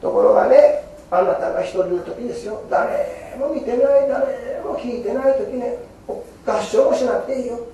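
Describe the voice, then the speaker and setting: A man's voice: very high-pitched, moderate pace, dark tone, a little hiss or hum. A man with a giving a Buddhist sermon in a folksy, earnest, coaxing way. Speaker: Buddhist preacher. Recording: very echoey hall, mic far off.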